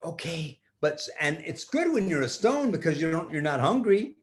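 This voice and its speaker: A man's voice: fairly high pitch, very animated, normal speed. An older man telling a rambling, improvised story to children like a grandfather, often restarting and talking to the listening kids.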